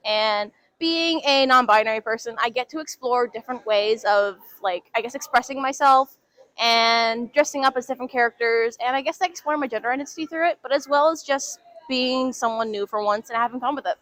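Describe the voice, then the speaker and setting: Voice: medium pitch, brisk, pushed and bright, no echo. A cosplayer giving a casual, conversational interview as a guest at a fan convention.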